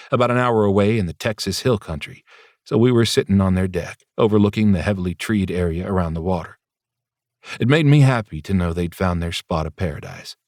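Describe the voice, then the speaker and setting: Brief: lower-pitched male narrator, dry wit, close studio read. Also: a little mellow, no echo. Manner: wry, dryly humorous. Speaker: audiobook narrator. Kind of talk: first-person audiobook narration.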